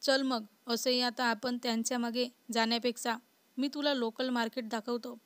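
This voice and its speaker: A woman voicing a young man who is short-tempered and protective, reading his lines in a plain, even storytelling voice. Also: on the high side, moderate pace, clear, resonant tone, no room sound, lightly acted. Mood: calm.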